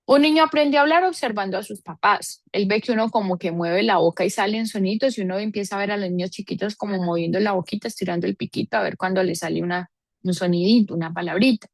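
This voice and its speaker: A woman's voice: medium pitch, fast, creaky, dry recording. A woman teaching a parenting seminar, explaining with everyday examples and affectionate diminutives.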